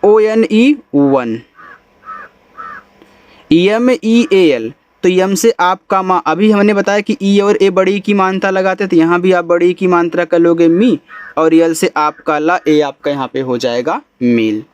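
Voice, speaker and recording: Speaking in Hindi, a man patiently teaches English phonics: he spells each word one letter at a time, then sounds it out and repeats it. His high-pitched voice shows little pitch movement, and he talks at normal speed with a clean tone and no echo.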